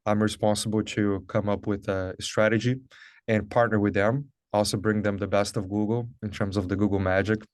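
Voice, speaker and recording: In a dry, studio-quality recording, a man with a lowish voice speaks fairly quickly with a flat delivery. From Brazil and in his thirties, a Portuguese native speaker, he's a video-call guest in a conversational interview or webinar about his career, upbeat and earnest with plenty of "like" and "uh."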